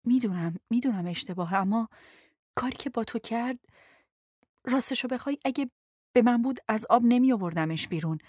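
A woman's voice: a little high, expressive, a little mellow, dry recording, clean studio sound, voice pushed up. A woman reading the lines of a blunt, protective man in an audiobook, speaking frankly and insistently.

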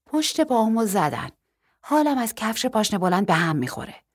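A woman voicing a breezy, carefree young woman with a high, chirpy manner. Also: very animated, no room sound, studio quality. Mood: fed up.

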